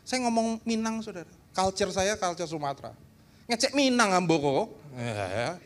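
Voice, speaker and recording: A man from Indonesia, a pastor preaching a church seminar sermon with humor, teasing his congregation and talking in an animated way. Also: sits high, moderate pace. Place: church hall.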